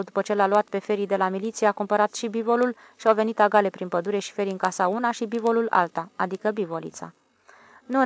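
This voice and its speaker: Calm woman reading a novel. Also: medium pitch, no echo. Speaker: audiobook narrator. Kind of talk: literary audiobook narration.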